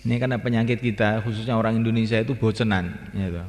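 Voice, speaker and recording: A man's voice: on the low side, fairly even intonation, fast talker. Emphatic man preaching in a hall. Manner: repetitive and emphatic, with swings in loudness. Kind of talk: sermon to a gathering. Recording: echoey hall with long reverb.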